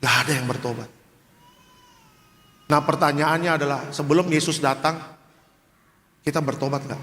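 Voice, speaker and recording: A man's voice: a little high, steady tone, normal speed, a bit bright, slight background noise. A man pastor preaching a sermon in a large church hall, emphatic and joking, questioning the congregation.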